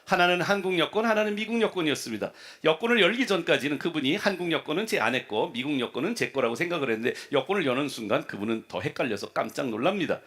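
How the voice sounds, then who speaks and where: An older man preaching at a revival, his voice sitting a touch high for a man. He tells personal stories with animation, acting out the other voices and dropping in English phrases. He grew up in South Korea and speaks as a pastor to his congregation. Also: quick pace, hardly any pauses. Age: 50s or 60s. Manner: animated storyteller acting out dialogue, mixing in English.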